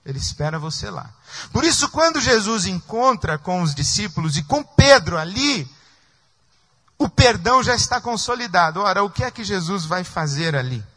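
A man's voice: sing-song, normal speed, pushed and bright, breathy edge. A man preaching a sermon as a pastor, emotional and acting out the voices he quotes. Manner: emotional, acts out quoted voices with rising pitch.

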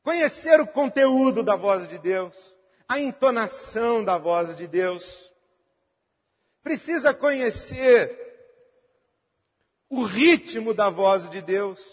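A man delivers a sermon in a high, husky voice. He is earnest, pressing some lines hard and letting others fall to a near hush. The recording is dull and lo-fi, with a long reverb trailing off the walls of a large hall. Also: expressive, takes it slowly, pauses often. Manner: earnest, swings between emphatic and hushed. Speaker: pastor.

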